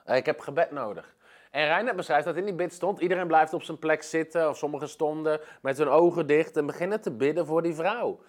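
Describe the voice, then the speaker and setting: A man's voice: on the high side, a little fast, few pauses. A man preaching a sermon, telling a story with emphatic repetition.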